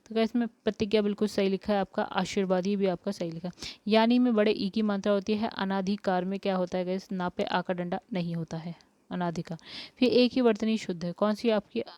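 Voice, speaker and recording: A woman's voice: mid-range voice, fairly even intonation, fairly quick, dark tone, no echo, muffled recording. A woman teacher working through spelling questions step by step, asking each question and then answering it. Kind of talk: spelling lesson for exam prep.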